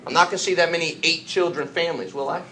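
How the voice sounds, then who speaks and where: Bright, high-voiced American man rallying a room. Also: fast. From United States. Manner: energetic, rhetorical questions, jokey asides. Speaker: business trainer. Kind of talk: motivational training talk. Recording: echoey room, faint background noise.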